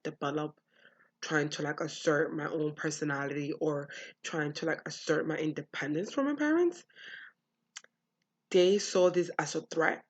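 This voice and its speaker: A young American woman vlogs to camera, speaking bluntly and frankly about her upbringing and swearing freely in a candid personal monologue. Her voice is low and the audio dull.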